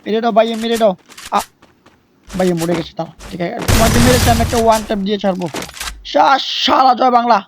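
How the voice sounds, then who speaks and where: A man giving excited commentary on a shooter game he is playing, shouting repeated commands and hyping himself up. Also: sits high, fairly quick, pauses often. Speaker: gamer streaming a shooter. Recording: gunfire and game noise behind voice.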